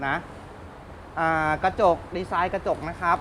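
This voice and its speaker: Brief: male used-car dealer, slightly raised pitch, chatty polite walkaround, outdoors with faint street noise. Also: fairly even intonation, measured pace, fairly bright tone. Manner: chatty salesman, polite filler particles, stops and restarts. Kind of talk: casual car walkaround review.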